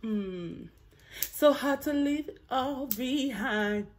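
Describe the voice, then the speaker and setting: A young woman with a deep alto practices a song in her small bedroom, singing along to a track and chatting with viewers between lines. She takes it at a slow pace in a casual vlog, recorded on a phone camera held close.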